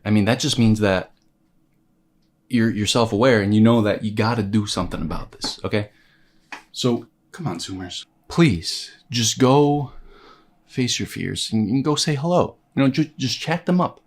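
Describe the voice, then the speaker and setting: Brash, profane young man giving advice. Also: fairly low pitch. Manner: brash, profane, pep-talk tone. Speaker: self-help vlogger. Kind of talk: comedic dating advice monologue.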